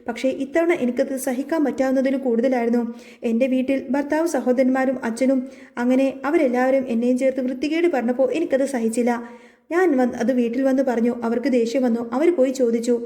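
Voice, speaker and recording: Wronged young wife, resolute and dignified; a woman reads it in a mellow tone. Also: sits high, fairly even intonation, fast talker, lightly acted. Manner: firm and resolute.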